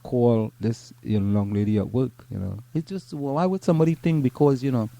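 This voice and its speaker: Co-hosting a casual talk show, a middle-aged Trinidadian man from Trinidad and Tobago reads a news article aloud, then chats, frequently halting and repeating himself. His mid-range voice is dark with vocal fry, recorded with no room sound.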